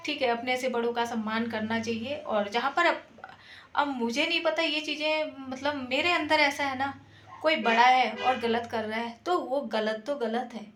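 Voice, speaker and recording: High, bright-voiced young woman vlogger. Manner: earnest, chatty, many fillers. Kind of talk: casual talk to camera. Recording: echoey room, faint background noise.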